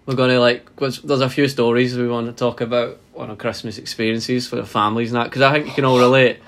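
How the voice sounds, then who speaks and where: A man's voice: mid-range voice, flat delivery, fast, a bit bright, slight background noise. A man from Scotland with a Scottish accent, co-hosting a podcast in casual, sweary conversation. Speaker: podcast co-host.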